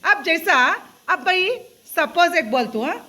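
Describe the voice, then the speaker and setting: In a very high-pitched, expressive voice, pushed and bright and a little slow, a woman teacher takes young students through a lesson. Her approach relies on repeated questions and having the children say terms back, with English terms mixed in.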